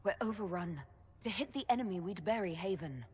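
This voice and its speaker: Lively, defiant heroine. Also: female voice, medium pitch, brisk, slightly rough. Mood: determined. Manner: pointed, resolute. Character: defiant elven woman hero, determined. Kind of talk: dramatic video game acting.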